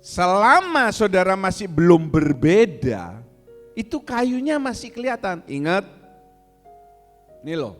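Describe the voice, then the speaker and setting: A man's voice: high voice, big pitch swings, measured pace, long pauses, in a large hall, soft background music. A man preaching a sermon as pastor, asking the congregation questions and acting out angry insults in a raised voice. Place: church hall.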